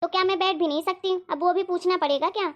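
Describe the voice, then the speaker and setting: A woman acts out a sharp-tongued mother-in-law who nags in a very high, piercing voice and rattles her complaints off at speed. Her scolding never lets up, and the lo-fi audio sounds dull and muffled. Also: fairly even intonation, fast talker. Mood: angry. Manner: nagging, shrill complaining. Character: scolding middle-aged mother-in-law, quick-tempered. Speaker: comedy sketch actor. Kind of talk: scripted family comedy sketch.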